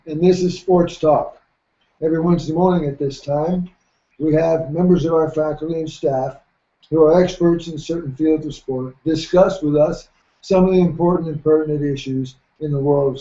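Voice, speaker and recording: A middle-aged man hosting a radio sports talk show, speaking in a measured, folksy way and often clearing his throat. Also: a little high, dark tone. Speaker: host. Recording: roomy, dull lo-fi sound.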